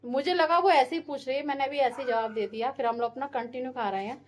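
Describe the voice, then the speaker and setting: A woman's voice: high voice, fast talker. A woman in her thirties, a mother, talking casually through a family vlog with a homely, advice-giving manner. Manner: chatty, homely, advice-giving, drifting into heartfelt reflection.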